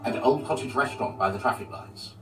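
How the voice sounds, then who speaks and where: A man's voice: mid-range voice, fairly quick. A man reading scripted documentary narration in an informative, nostalgic way. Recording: distant, under loud guitar music.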